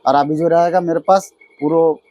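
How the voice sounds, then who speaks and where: A man's voice: fairly high pitch, fairly even intonation, moderate pace, dark tone, no echo. A man who runs an idol workshop, speaking with a Chhattisgarh accent in an earnest, insistent way and often repeating himself. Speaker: idol maker and shop owner. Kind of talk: casual interview.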